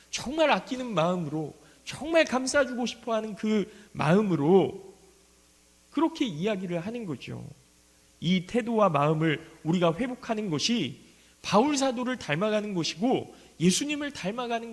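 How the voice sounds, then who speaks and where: A man preaching a sermon as pastor, acting out sharp rebukes in quoted lines. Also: high voice. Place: church sanctuary. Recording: church hall reverb.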